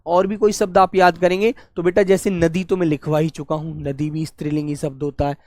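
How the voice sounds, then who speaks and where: A man teaching a grammar class for exam students, warmly coaxing and asking questions that he then answers himself. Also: a little high, little pitch movement, no echo. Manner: warm coaxing, calls students "beta", asks and answers his own questions; stretches key words slowly while dictating notes.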